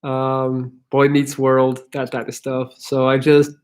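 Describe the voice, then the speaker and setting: A man's voice: medium pitch, completely flat delivery, takes it slowly. A man from Belgium with an American accent, hosting a casual live chat and answering viewers' questions in a frank, rambling way that restarts often.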